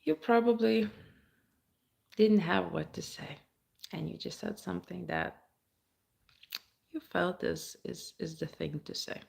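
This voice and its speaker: A woman's voice: lowish voice, fairly even intonation, a little slow, vocal fry, pauses often, a little mellow. A woman from the states, chatting casually on a phone live stream, reading viewer comments aloud and answering them. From Baltic states.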